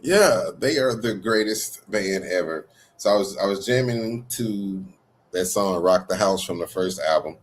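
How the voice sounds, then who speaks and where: Homme animé à la voix grave. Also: male voice, low voice, unhurried. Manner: animated, joking, loose. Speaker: podcast co-host. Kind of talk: casual chat.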